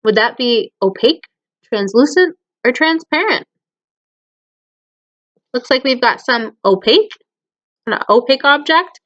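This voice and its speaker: This high-pitched, expressive woman teacher reads children's poems in an unhurried way, pausing often, and explains things to young listeners with plenty of questions. Her tone is a bit bright, but the recording is muffled.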